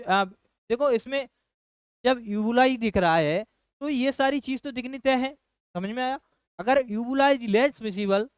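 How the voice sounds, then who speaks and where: High, clear-voiced male nursing coach. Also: no room sound. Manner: repeats key phrases and asks the class rhetorical questions; addresses students as children. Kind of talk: classroom lecture.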